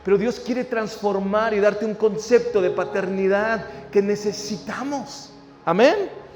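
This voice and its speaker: High-voiced preaching pastor in a hall. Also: male voice, unhurried, darkish tone. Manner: preaching with rising intensity, often asking "¿verdad?". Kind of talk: sermon. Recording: reverberant hall with faint ambience.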